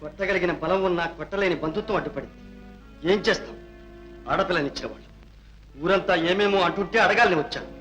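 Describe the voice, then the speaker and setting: A man's voice: high-pitched, quick pace, long pauses, fairly bright tone, faint music behind, rough recording. A man playing the wife's grave, dignified uncle in an old film. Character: grieving older man, uncle of the wife, dignified and stern. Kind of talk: 1960s film acting.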